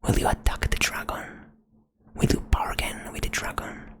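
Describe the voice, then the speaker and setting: In a breathy whisper, a female game master narrates a tabletop adventure, addressing the listener as "you" at a gentle, slow pace.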